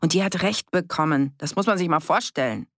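A reader voicing an anxious, hushed village man. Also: animated, brisk, creaky, dry recording, clean studio sound. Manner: low, hushed, whispering at times.

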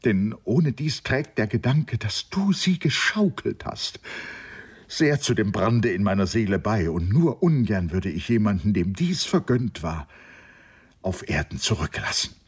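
A man's voice: on the low side, expressive, measured pace, breathy edge. A man voicing a solemn, despairing young man sick with love, in an audiobook. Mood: grave despair. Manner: earnest, grave. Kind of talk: audiobook character voice.

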